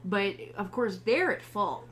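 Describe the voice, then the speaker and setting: A woman's voice: mid-range voice, measured pace, slight background noise. A young woman co-hosting a podcast, chatting animatedly and laughing as she recaps a film and acts out the characters' lines. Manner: animated, laughing, acting out quotes. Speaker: podcast co-host. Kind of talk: casual chat recapping a film.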